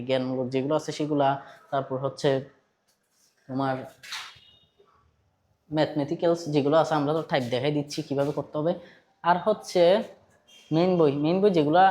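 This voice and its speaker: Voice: mid-range voice, dark tone, slight background noise. A physics teacher with a Bangladeshi Bengali accent giving a casual online class, asking students questions, repeating key points and slipping in English terms.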